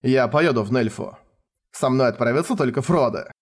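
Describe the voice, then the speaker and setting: A man voicing a young male king who speaks quietly and with assurance. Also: medium pitch, normal speed, close to an everyday voice. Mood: resolute.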